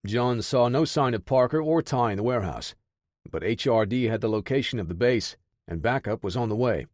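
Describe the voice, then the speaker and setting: Steady male audiobook narrator. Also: medium pitch, brisk, no room sound, studio quality. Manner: steady, dramatic storytelling. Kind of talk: scripted narration.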